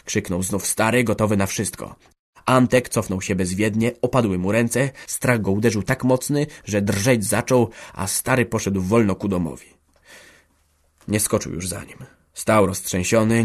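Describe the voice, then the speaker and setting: A man reading a classic village novel aloud as an audiobook narrator, dramatic and dropping to a hush in quiet passages. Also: lowish voice, steady tone, normal speed. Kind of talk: scripted literary narration.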